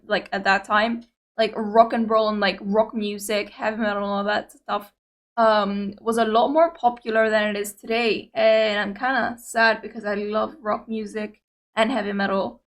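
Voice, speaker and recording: With a Greek Cypriot accent and Greek as her first language, a young woman from Cyprus rambles casually to viewers as a reaction video host. Her voice sits on the high side, with a steady tone and moderate pace. She's talkative but hesitant, using plenty of fillers.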